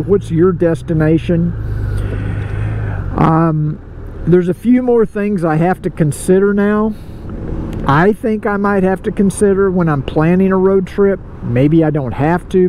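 A man's voice: fairly high pitch, dark tone, poor audio. A middle-aged man hosting a motorcycle vlog while riding, chatting in a rambling way that keeps correcting itself, recorded on a helmet mic. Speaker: motovlog host. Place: outdoors on a moving motorcycle. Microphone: helmet-mounted mic. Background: road and traffic noise.

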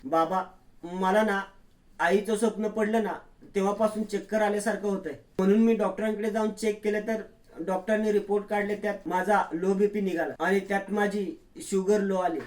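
A man voicing a scheming young woman with a high, strained voice while retelling a serial episode. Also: a little mellow, recorded from a distance, close to an everyday voice.

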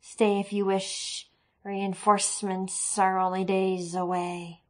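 A woman voicing a cold, menacing inhuman male creature in a storybook reading, who speaks slowly and measures out his threats. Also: mid-range voice, level tone, natural voice.

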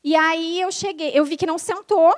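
A young adult woman sharing her personal conversion testimony, animated and emotional, acting out the voices of people in her story. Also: very high voice, normal speed. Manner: animated storytelling, acts out quoted dialogue; emotional, intensifying at the climax.

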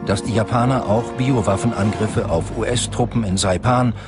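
A man with a fairly low voice reads scripted documentary narration at a normal speed. Loud music plays underneath him throughout.

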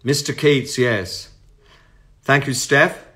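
A man's voice: mid-range voice, takes it slowly. An Australian man in his sixties, a musician chatting casually to his livestream viewers from his home, rambling and affectionate, talking close into a phone. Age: 60s. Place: home room lit with party lights. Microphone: phone camera close up. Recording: guitar music heard loudly behind.

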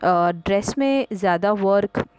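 Woman, casual shopping vlog, unhurried, dry close sound. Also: mid-range voice, a little mellow, clear, resonant tone, no echo, low-quality recording. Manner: chatty, mixes Hindi and English, frequent "uh" fillers. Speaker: shopping vlogger.

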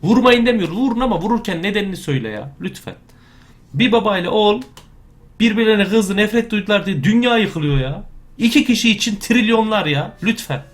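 A young man doing casual let's-play commentary, excitable and trash-talking, often breaking into shouts. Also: sits high, brisk. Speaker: gameplay commentator.

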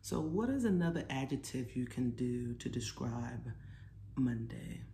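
With a mellow bass voice, lively intonation and a slightly slow delivery, an American woman in her forties presents storytime. She talks casually to the children, encouraging them and asking questions, from a small living room at home where the echoey recording carries clear background noise.

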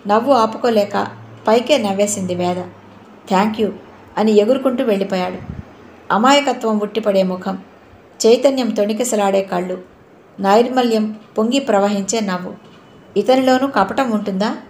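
A woman narrating a novel in a measured storytelling manner. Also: medium pitch, darkish tone, slight background noise. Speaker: audiobook narrator. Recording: roomy echo.

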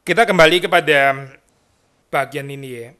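A male pastor preaching a sermon in church in a conversational way, mixing in English terms and moving between hushed asides and emphatic rises. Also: a little high, normal speed, clean tone. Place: church sanctuary.

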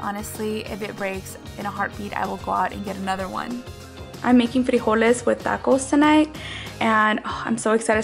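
A young woman with a fairly high voice narrates her day as a lifestyle vlogger. She talks in a chatty, gushing way and fills her sentences with "like". Soft music plays quietly under her voice-over.

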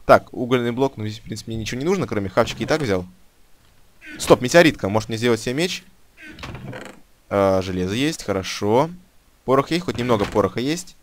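A young man commentating his own game as he plays, shouting and swearing under fire, then mumbling to himself while looting. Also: medium pitch, lively intonation, brisk, pauses often, a little hiss or hum. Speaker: gamer commentating his playthrough. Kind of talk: solo let's-play commentary. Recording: game music loud behind the voice. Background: game music and gunfire.

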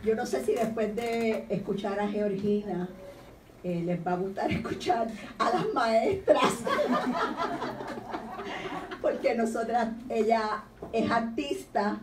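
A woman's voice: a little high, a little slow. A woman, an education professor, opening her panel remarks in a friendly way with light laughter between phrases. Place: university library lecture room. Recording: echoey room recording from far off with clear background noise.

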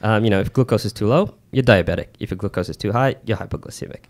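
A man explaining things informally and haltingly as a podcast co-host, close on a studio mic. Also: lowish voice. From New Zealand. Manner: halting, informal, peppered with "you know". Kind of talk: casual explanatory chat. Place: small indoor podcast studio. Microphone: close boom-arm studio mic with headset.

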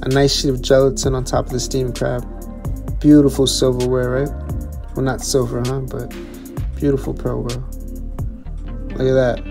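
Excited young man reviewing food. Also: mid-range voice, measured pace, vocal fry, pauses often, music in the background. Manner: enthusiastic, repeats words, restarts. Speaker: chef and food vlogger. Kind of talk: casual narration of a tasting menu.

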